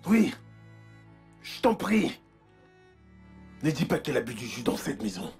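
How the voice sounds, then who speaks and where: A man dubbing a controlling husband in a French film dub, soothing but insistent as he urges his wife to stay quiet. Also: medium pitch, very animated, a little slow, gravelly, slightly rough, soft background music, exaggerated voice. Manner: soothing yet pressing, insistent. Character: controlling husband hushing up a death.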